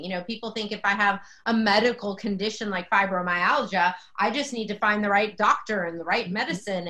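A woman host leading a podcast interview, earnest and affirming as she responds to her guest. Her tone is bright and forward. Her pitch is in an ordinary middle range.

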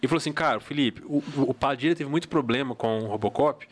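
A man hosting a podcast, chatting casually and retelling anecdotes with energy. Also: medium pitch. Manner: fast, animated retelling of anecdotes. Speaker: podcast host.

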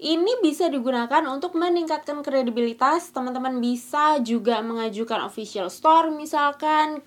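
A woman's voice: high voice, a bit bright. A woman teaching an online business course in a chatty, slangy, teasing way. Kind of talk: casual educational talk.

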